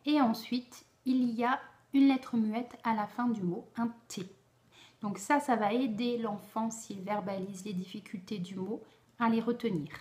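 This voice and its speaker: A woman's voice: on the high side, a little slow, darkish tone. A woman giving an instructional talk to parents, explaining things step by step in a didactic way. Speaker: educator giving spelling advice to parents.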